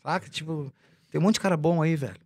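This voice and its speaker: Fast-talking animated man, high voice. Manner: animated, slangy, emphatic. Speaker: podcast guest, musician. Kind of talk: casual chat.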